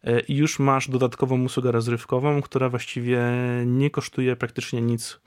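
Man hosting a podcast, measured tone. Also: mid-range voice, flat delivery, a little mellow, no echo, studio quality. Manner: measured, conversational questioning. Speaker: podcast host. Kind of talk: podcast interview.

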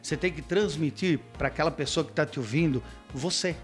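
Male radio veteran, slightly high voice, animated storyteller in a casual interview. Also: brisk, soft background music. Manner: lively storyteller who mimics stiff announcer voices. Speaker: radio announcer and podcast guest.

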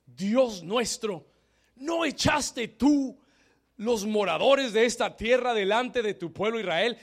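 A man delivers a sermon in a high voice with lively intonation and a slow pace, echoing his Spanish lines in English. He builds toward shouted declarations of prayer and calls on the congregation to answer.

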